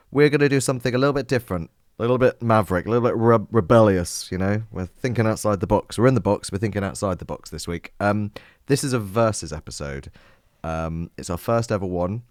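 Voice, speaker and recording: A man's voice: low-pitched, dry recording, studio quality. A man co-hosting a music podcast, chatting casually and playfully with lots of fillers and jokes. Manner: playful, jokey, rambling with fillers. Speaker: podcast co-host.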